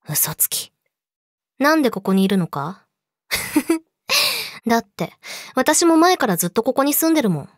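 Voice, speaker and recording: A woman's voice: a little high, no echo, studio quality. A woman playing a clingy, possessive yandere girlfriend in an intimate pillow-talk role-play, coaxing and insistent. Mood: coldly menacing.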